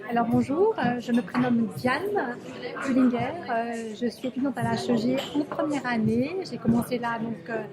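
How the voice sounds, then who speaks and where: High-voiced woman interpreting in a café. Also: a loud crowd. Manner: halting, searching for words as she interprets. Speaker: sign language interpreter. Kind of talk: first-person voicing of a signed interview. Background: loud music.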